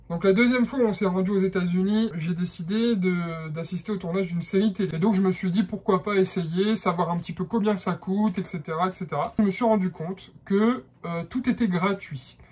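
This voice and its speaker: Husky French-accented man explaining. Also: sits high, darkish tone. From France. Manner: explanatory, hesitant with many fillers. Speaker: vlogger. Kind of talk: explaining a how-to.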